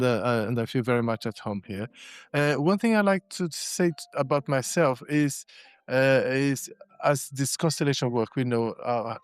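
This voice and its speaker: A man's voice: medium pitch, smooth. A man, a podcast guest telling his story reflectively, often restarting and repeating words. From Brazil. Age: 60s. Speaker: guest, constellations facilitator and shiatsu practitioner. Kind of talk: casual podcast interview.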